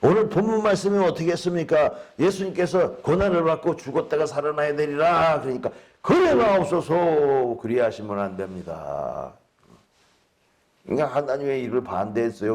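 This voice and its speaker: A man's voice: mid-range voice, darkish tone. A male pastor preaching a sermon in an emphatic way, asking the congregation rhetorical questions.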